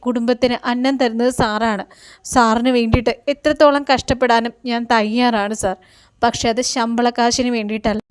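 A woman's voice: on the high side, clean tone, natural voice. A woman voicing a humble but proud young woman turning down her wages, earnest and polite.

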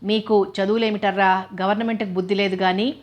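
A harsh village schoolmaster scolds his class with open contempt, as a woman reading the story puts him on. The voice stays level in pitch, with little rise and fall. It is a storybook reading. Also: little pitch movement, brisk, dull audio, close to an everyday voice. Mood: irritated scolding.

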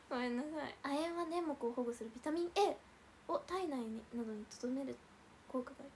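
A woman's voice: high-pitched, sing-song, moderate pace, a little hiss or hum. A young woman hosting a casual idol livestream, chatting and reading out viewer comments with frequent giggles.

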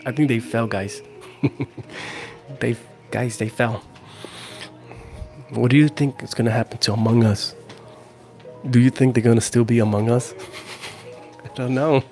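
Over soft background music, a man in his forties with a steady, darkish mid-range voice hosts a playful ASMR live stream, unhurried and pausing often. He whispers trigger words, repeats phrases and chats casually close to a foam-windscreened handheld recorder on a stand, in a small home room with a gaming screen.

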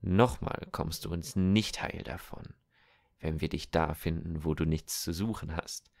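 A cruel soldier on horseback who sneers and threatens in a storybook tale, as a man reads him. His voice is very low, slow and gravelly. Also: a little mellow, exaggerated voice. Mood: threatening.

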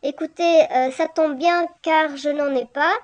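Keen, polite female renter on voicemail played by a woman, high voice, unhurried. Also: steady tone, highs cut off. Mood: polite, eager. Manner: hesitant, polite, careful spelling. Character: keen, polite woman enquiring about renting a flat. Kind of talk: scripted voicemail role-play.

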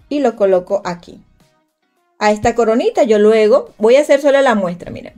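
A woman's voice: on the high side, dark tone. A woman teaching a live design class, chatting directly with her viewers and thinking aloud as she works. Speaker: crafts instructor. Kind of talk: live-streamed software tutorial.

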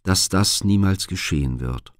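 A man reading the lines of a grieving, dignified queen in a measured, solemn way. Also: deep voice, animated, no echo, clean studio sound. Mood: doubtful. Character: grieving noble queen, woman, doubtful and dignified.

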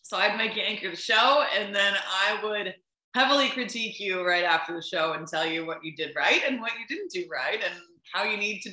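An eager woman in her thirties recounts stories in an animated, chatty way, scattering "um" and "like". Her voice sits a little low yet sounds bright and forceful. The video call picks up a roomy echo. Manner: enthusiastic, storytelling, frequent "um" and "like". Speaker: baseball sideline reporter and guest. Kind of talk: casual interview chat. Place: home room, on a video call.

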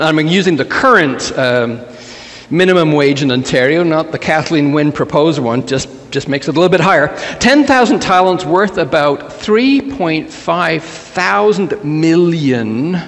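A male pastor preaching with a playful, joking storyteller's manner. His fairly high voice swings animatedly up and down. A long reverb of the church hangs on every phrase. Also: fairly bright tone. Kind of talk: humorous sermon. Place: church sanctuary.

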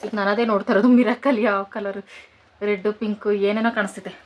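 A woman's voice: medium pitch, fairly even intonation, brisk. A woman of about twenty-eight with a rural Kannada accent, chatting casually and jokingly to viewers in a village home vlog. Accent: rural Kannada, Kanakapura area. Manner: joking, addresses viewers as friends, coos at pets. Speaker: vlogger. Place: village home, indoors and outdoors.

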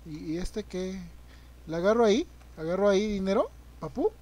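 High, excitable male game streamer. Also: moderate pace. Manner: excitable, swearing, reacting loudly and greeting chat. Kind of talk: live gameplay commentary.

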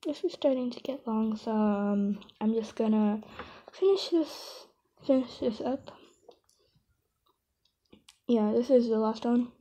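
This young woman, an amateur creator of comic dubs, talks in a warm voice on the high side. She rambles in a casual, halting way, hesitating and correcting herself often.

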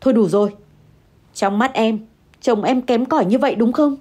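A woman's voice: fairly high pitch, normal speed, dark tone, husky. A woman voicing an irritable young husband who answers curtly in an audio story. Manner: curt, dismissive. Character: irritable young husband, curt and money-proud.

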